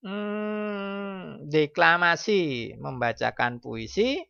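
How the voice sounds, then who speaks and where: A man's voice: fairly high pitch, animated, drawn-out words, vocal fry, bright, forceful tone, clean tone, no room sound, dull audio. A middle-aged man teaching a primary school class online, chatty and correcting himself as he goes, often asking questions. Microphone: computer mic on video call.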